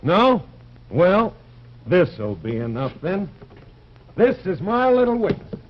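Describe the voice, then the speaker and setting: A man's voice: high-pitched, big pitch swings, slow pace, exaggerated voice. An American man playing a wry, cool-headed private detective in a 1950s crime drama. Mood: cool, taunting. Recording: dull vintage broadcast sound.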